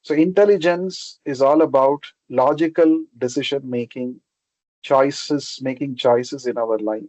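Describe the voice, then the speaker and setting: A man's voice: a little high, darkish tone, dry recording. A man from South India with a Telugu Indian accent gives an explanatory religious lecture as a spiritual teacher, repeating key terms and checking in with short questions. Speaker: spiritual teacher giving a scripture class. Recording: dull lo-fi sound.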